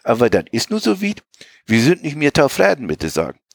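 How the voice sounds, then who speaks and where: A man voicing a young dock worker, stubborn yet timid, speaking meekly with a Low German accent in a raised voice. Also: huge pitch swings, brisk, gravelly, dry recording, clean studio sound, exaggerated voice.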